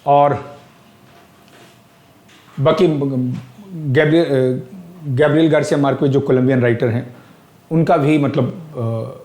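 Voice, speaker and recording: A man's voice: medium pitch, warm tone. Hindi-speaking male teacher in an echoey room. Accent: Indian English. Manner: explains step by step, asks questions aloud, mixes in English terms. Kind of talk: exam-prep lecture.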